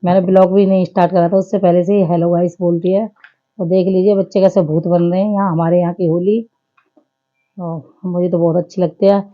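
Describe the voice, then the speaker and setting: A woman's voice: fairly low pitch, little pitch movement, brisk, highs cut off. A woman in her thirties giving a chatty, homely running commentary over her family vlog. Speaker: family vlogger.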